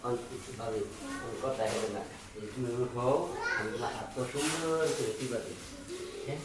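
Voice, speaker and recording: A woman's voice: mid-range voice, very animated, quick pace, lightly acted. A woman playing a wheedling young brother-in-law. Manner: wheedling, pleading. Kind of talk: comic village skit acting. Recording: echoey room from far off, faint hiss.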